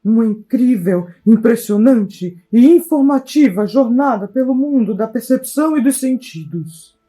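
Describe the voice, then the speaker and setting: A performer voicing a teddy bear ringmaster who grandly announces a children's puppet show with drawn-out showmanship. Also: mid-range voice, expressive, dark tone, lightly acted. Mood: grandiose.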